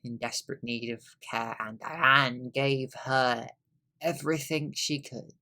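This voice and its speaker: A young student actor playing a weary, brooding middle-aged husband in a stage monologue, wry and rueful, trailing into quiet asides. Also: male voice, mid-range voice, steady tone, unhurried, vocal fry, full character voice. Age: young adult.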